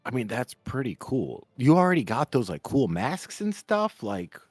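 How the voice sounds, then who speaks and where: A man's voice: medium pitch, huge pitch swings, moderate pace, no echo, studio quality, soft background music. A man playing an awkward, eager-to-please newcomer in a tabletop game, stumbling and apologizing. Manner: eager, awkward, agreeable, full of fillers. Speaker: player. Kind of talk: in-character tabletop role-play.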